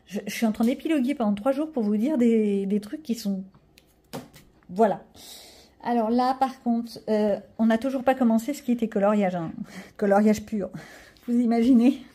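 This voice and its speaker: A middle-aged woman vlogger with a warm, highish voice and moderate pace shows her viewers a coloring-book haul. She chats casually to the camera, rambling and tossing in self-mocking asides.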